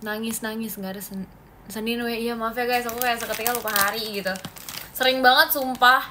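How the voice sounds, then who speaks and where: A woman's voice: fairly high pitch, fairly even intonation, fairly quick, sharp tone, slight background noise. A young woman from Indonesia hosting a casual phone livestream, chatting with viewers, answering comments and laughing often. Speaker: idol livestream host.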